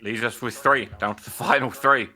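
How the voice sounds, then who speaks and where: A man's voice: medium pitch, steady tone, moderate pace, sharp tone. A man hosting a livestream with casual banter, speaking in a blunt, sweary way. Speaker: host.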